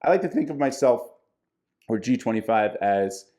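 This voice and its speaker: A man's voice: medium pitch, animated, moderate pace, mellow. A man co-hosting a casual diet podcast, giving plain-spoken practical advice. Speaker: podcast co-host, diet coach.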